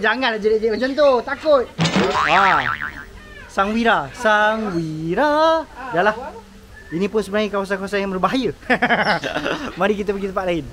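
A man with a Malaysian Malay accent, chatting excitedly to viewers on a walking tour vlog through an outdoor petting zoo. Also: sits high, background noise. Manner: chatty, excitable, keeps addressing viewers as guys. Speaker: vlogger.

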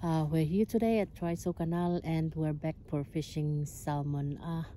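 A woman's voice: low voice, fairly even intonation, normal speed. A woman in her forties making a casual fishing vlog outdoors, talking in a chatty way with many fillers into a phone held at arm's length. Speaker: vlogger. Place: outdoors by a canal. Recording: loud outdoor noise.

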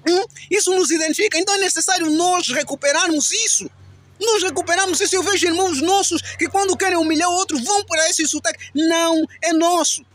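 A man's voice: very high-pitched, fast talker, fairly bright tone, slight background noise. A young Angolan man with an Angolan Portuguese accent, giving an impassioned, exhorting monologue, repeating his points. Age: young adult. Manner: preachy, repetitive, exhorting. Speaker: commentator.

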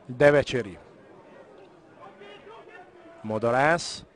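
A man's voice: medium pitch, some chatter behind. A man giving live football commentary, moving between naming the play and analysing the match.

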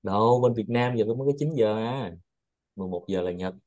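A man's voice: fairly low pitch, a little fast, mellow, lo-fi sound. A man hosting a study group, chatting casually and rambling, often repeating his words.

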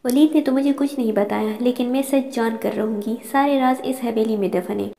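A woman voicing a quiet, withdrawn young widow who speaks softly and reproachfully. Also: on the high side, normal speed, gravelly. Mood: resolved. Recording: long reverb.

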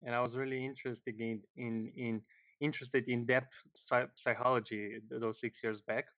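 A thirty-year-old man with a Slovenian accent gives an informal, hesitant introduction on a group call, often repeating words. His mid-range voice is flat at normal speed with no room sound, coming through a headset as muffled, narrow, phone-like call audio.

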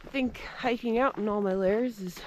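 A woman's voice: fairly high pitch, moderate pace, a little mellow, a little hiss or hum. A woman vlogging casually while hiking up a mountain trail, upbeat and chatty, out of breath from the climb. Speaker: thru-hiker vlogger.

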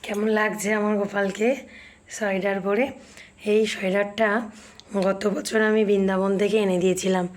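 A woman speaks in a homely, chatty way, calling her viewers friends. Her voice sits in an ordinary middle pitch and is hoarse from a cold. She is talking at home. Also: flat delivery, normal speed. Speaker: family vlogger. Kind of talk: casual home vlog talk.

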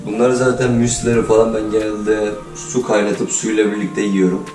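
Guy doing a chill vlog, deep voice, bit robotic like he's been sick, echoey room. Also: little pitch movement, normal speed, darkish tone. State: slightly robotic-sounding voice from a recent illness. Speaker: vlogger. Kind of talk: casual vlog chat to viewers. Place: indoors in a holiday flat, at table and kitchen. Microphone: camera on a tripod, some distance away. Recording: roomy echo, distant mic, music underneath. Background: music.

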